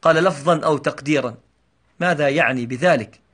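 A male teacher explaining a grammar lesson, patiently repeating examples slowly and checking that his students follow. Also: fairly high pitch, fairly bright tone.

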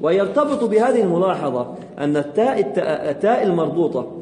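Grammar teacher, male, high voice, patient and repetitive, echoey classroom with a long reverb tail. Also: sing-song, fast, darkish tone, slight background noise. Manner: patient, repeats examples and asks the class questions.

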